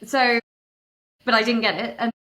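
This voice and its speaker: A woman's voice: a little high, fairly even intonation, moderate pace, bright, forceful tone. A young adult woman, a startup founder, telling her story in a candid, self-deprecating way with frequent restarts. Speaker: startup founder, interview guest. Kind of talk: conversational storytelling interview.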